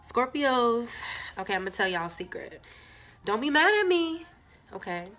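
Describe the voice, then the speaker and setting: She sounds a little high and very animated, speaking at a moderate pace with a fairly bright tone. Stuffy-nosed and chatty, this tarot reader talks straight to viewers during a casual card reading, using many filler words.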